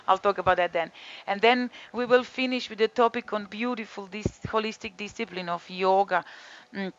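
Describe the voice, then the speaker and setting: Introducing a yoga and detox course, a woman with a Croatian accent speaks earnestly and steadily at a middle pitch. She circles back to her key phrases and fills pauses with soft ums, on a slightly dull, lo-fi recording.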